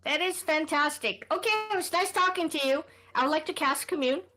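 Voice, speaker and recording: A woman's voice: high voice, a little fast, bright, forceful tone. A woman playing in a tabletop game, polite and hesitant, with many fillers. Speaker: player. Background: faint background music.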